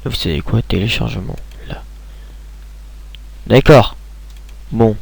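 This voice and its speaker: A man's voice: on the low side, takes it slowly, vocal fry, darkish tone, a little hiss or hum. A young man giving a casual screen tutorial, rambling with many hesitations and restarts, talking into a computer mic at home.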